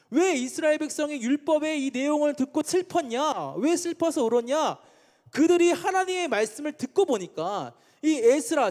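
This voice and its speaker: A man's voice: extremely high pitch, darkish tone. A man in his thirties preaching a youth sermon, asking the students questions and answering them himself. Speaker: youth pastor. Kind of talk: sermon to teenagers. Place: church hall. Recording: reverberant church hall.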